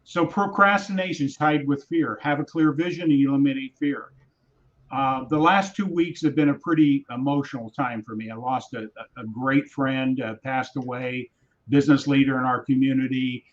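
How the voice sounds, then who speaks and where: A man's voice: mid-range voice, steady tone, moderate pace, dull audio. A man coaching in a motivational livestream chat, emphatic and repeating his key phrases. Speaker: business coach, guest. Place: home in Wisconsin.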